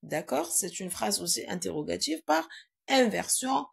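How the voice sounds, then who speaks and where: A woman's voice: mid-range voice, very animated, a little slow, creaky, breathy edge. A woman teaching a grammar lesson in a classroom, quizzing her pupils and repeating their answers.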